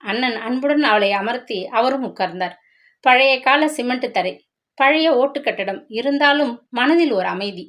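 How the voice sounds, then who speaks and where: Woman narrating a story, slightly high. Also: lively intonation, normal speed, fairly bright tone.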